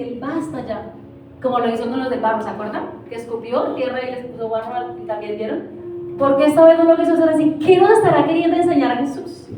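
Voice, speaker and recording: A woman's voice: high voice, warm tone, very echoey, distant mic, low-quality recording. A woman pastor preaching a passionate sermon, asking the congregation questions. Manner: impassioned, asks the congregation questions. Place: church.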